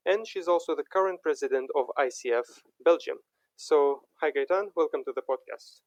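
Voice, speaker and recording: Young guy podcast host, halting, plenty of uhs, dry sound. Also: a little high, no echo, rough recording. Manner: hesitant, many fillers and restarts. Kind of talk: podcast interview.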